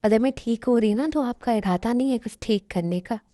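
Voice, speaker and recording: A woman's voice: a little high, a little fast, dark tone, no echo, studio quality, lightly acted. A woman voicing a sulky young wife in an amateur Hindi dubbed drama, speaking in a complaining, reproachful way.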